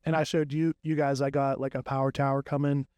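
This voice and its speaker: A man co-hosting a casual group podcast, hesitant and filling pauses with "um" and "like". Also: medium pitch, little pitch movement, darkish tone, clear, resonant tone, no room sound, studio quality. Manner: hesitant, lots of "like" and "um". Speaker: podcast co-host.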